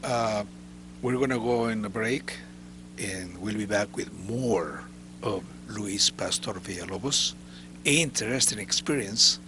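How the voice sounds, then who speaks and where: A man's voice: on the low side, measured pace, noisy background. A man hosting an interview, asking questions and giving short affirmations. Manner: warm backchannels, short affirmations. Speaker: interview host. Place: recording studio.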